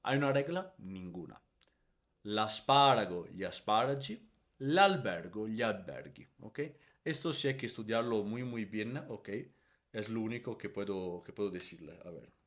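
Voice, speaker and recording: Teacher man, lively and patient. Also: lowish voice. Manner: explains step by step, keeps checking with "¿ok?"; stretches the Italian example words slowly and loudly. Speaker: Italian language teacher. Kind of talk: grammar lesson.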